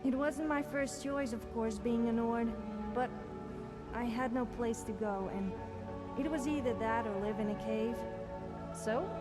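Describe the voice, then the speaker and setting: Sofia, cheeky higher-voiced adventurer voiced by a woman. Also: lightly acted. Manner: cheeky, self-satisfied, dry. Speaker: video game follower character. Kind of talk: scripted game dialogue. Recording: music behind voice. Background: game music.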